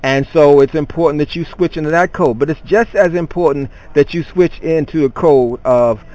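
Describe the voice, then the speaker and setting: A man's voice: a little high, moderate pace, a little mellow, poor audio. A man teaching students in an online class, talking off the cuff with many fillers and restarts.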